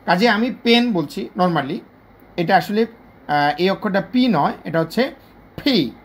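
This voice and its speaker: With a medium-pitched, animated voice, an English teacher speaking with a Bangladeshi Bengali accent presents a video lesson. Each point is patiently repeated, and example words are drawn out slowly by syllable.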